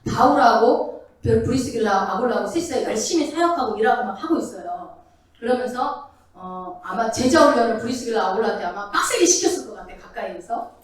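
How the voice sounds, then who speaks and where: A woman pastor preaching a lively sermon, now and then acting out the voices of biblical figures as she tells their stories. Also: on the high side, fairly quick. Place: church sanctuary. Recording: echoey church hall, mic at a distance.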